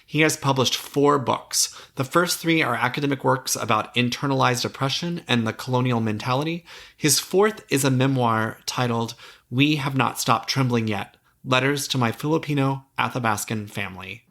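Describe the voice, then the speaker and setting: Measured man hosting a podcast. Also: medium pitch, creaky, fairly bright tone. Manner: measured, reads introductions carefully. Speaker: podcast host. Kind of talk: podcast interview.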